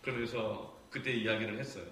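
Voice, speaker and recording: A man in his forties, a pastor giving a sermon, telling stories with feeling, going from loud to hushed. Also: fairly low pitch, steady tone, fairly quick. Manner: emotional storytelling, swings from loud to hushed. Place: church sanctuary. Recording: echoey church hall, distant mic, faint noise.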